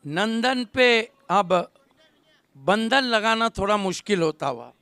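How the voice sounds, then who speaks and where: A male commentator calls a live tennis-ball cricket match with quick wit, rising to loud calls on big moments. His voice sits high and bright with a smooth, crisp tone, recorded close and dry. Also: animated, no room sound.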